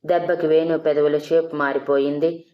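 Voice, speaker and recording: A woman's voice: low-pitched, flat delivery, moderate pace, muffled recording. A woman narrating a romantic audio story, reading every character's lines in her own voice. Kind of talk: scripted narration.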